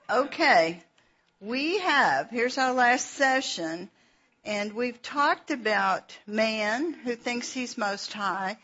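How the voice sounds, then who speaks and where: Husky and sharp-toned at a medium pitch, this middle-aged woman speaks with a Southern Georgia accent. She leads a Bible session folksily and chattily, laughing at herself through her stories, and the recording is dull and lo-fi.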